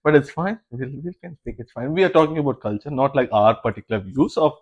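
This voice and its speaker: A man's voice: medium pitch, expressive, fast, muffled recording. A young man hosting a podcast in casual chat, rambling and teasing with many fillers. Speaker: podcast host.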